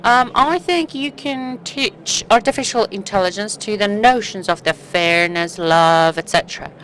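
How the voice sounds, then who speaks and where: Slow, halting woman interpreter. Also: mid-range voice, fairly bright tone, a little hiss or hum, rough recording. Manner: halting, broken-up phrasing with pauses mid-sentence. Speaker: conference interpreter. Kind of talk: live simultaneous interpreting.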